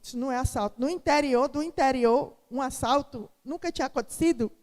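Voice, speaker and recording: A high-pitched woman preaching in a sermon, telling her story with drama and acting out voices. Her voice rings through a hall with long reverb. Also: brisk, a little mellow. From Brazil. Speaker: pastor. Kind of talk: sermon testimony. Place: church.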